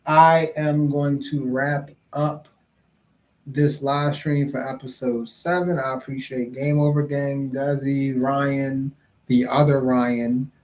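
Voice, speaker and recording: A man's voice: mid-range voice, little pitch movement, slow, darkish tone. A man hosting his own podcast livestream, talking loosely and jokingly in casual chat and swearing freely. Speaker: podcast host and comedian.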